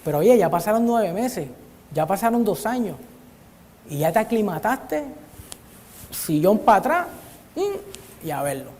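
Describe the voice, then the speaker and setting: A man's voice: high-pitched, sing-song, a little slow, pauses often, darkish tone. A man preaching a Bible study sermon in an earnest way, often calling his listeners brother, speaking in a church hall. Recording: long church-hall reverb.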